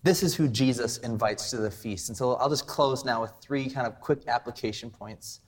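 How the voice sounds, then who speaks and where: A man's voice: medium pitch, moderate pace. Man preaching a conversational sermon. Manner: conversational, animated storytelling with voiced asides. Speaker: pastor. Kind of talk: sermon with personal stories.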